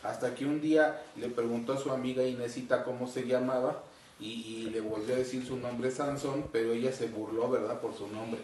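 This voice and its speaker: A woman with a very deep, low-pitched voice hosts a podcast, patiently questioning children about a storybook. She often ends her questions with a tag question. Her voice sounds roomy and echoey, with a faint hiss underneath. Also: fairly even intonation, moderate pace, darkish tone. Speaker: host of a children's book podcast. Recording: roomy echo with faint noise.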